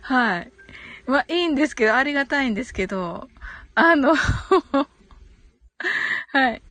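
Her voice sits high, expressive and bright with a forceful tone, moving a little slowly. She's a giggly host of a casual live audio stream who keeps laughing while chatting, reading out listener comments, and giving frequent brief acknowledgements.

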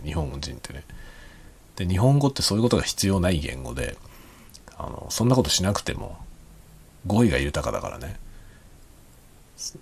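Very deep, husky-voiced man chatting quietly. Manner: soft, rambling, self-deprecating, chuckles often; speaks quietly while drinking. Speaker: podcast host. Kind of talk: late-night quiet solo chat.

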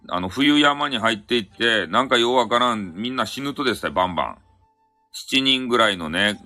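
A man with a Hakata dialect talks on a live audio stream in a low but bright voice that swings widely in pitch. He rambles, restarts and corrects himself as he goes. Faint music plays behind him. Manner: rambling, self-correcting, chuckles. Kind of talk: casual solo live chat.

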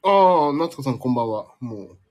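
A man's voice: medium pitch, animated, normal speed, a little mellow. A man hosting a casual live stream from home, chatting with listeners in a sleepy, rambling, self-deprecating way, slightly nasal from a cold. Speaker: livestream host.

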